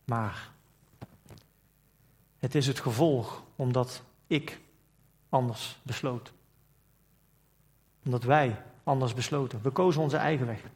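A man's voice: mid-range voice, slow pace, long pauses, a little mellow. A man preaching a sermon, asking reflective questions and reading scripture aloud in old formal wording. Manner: reflective, asks rhetorical questions.

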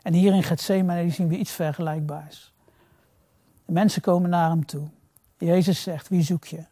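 A man preaching a sermon in a reflective way. He repeats phrases for emphasis and drops to a soft, low voice on key words. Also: fairly even intonation, moderate pace, no echo, clean studio sound.

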